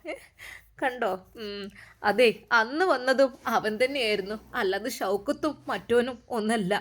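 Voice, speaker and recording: A woman playing a weepy, accusing aunt. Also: measured pace. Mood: tearful. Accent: Malabar Malayalam. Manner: weepy, complaining, breathy low level. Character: scheming aunt, tearful and accusing, middle-aged woman.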